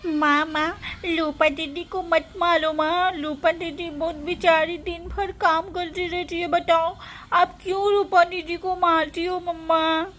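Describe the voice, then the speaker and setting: A woman's voice: very high-pitched, flat delivery, a little slow, a bit bright, a little hiss or hum, voice pushed up. A woman voicing a sweet little sister who comforts and defends her older sisters, pleading.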